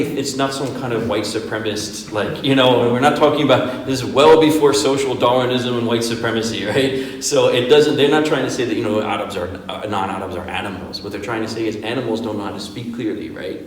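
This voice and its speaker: A mid-range male voice belongs to an imam leading an informal Quran workshop lecture, full of conversational rhetorical questions like "right?" and "okay?" and Arabic pronunciation demonstrated throughout. He's recorded far from the microphone in a hall with echo and slight background noise.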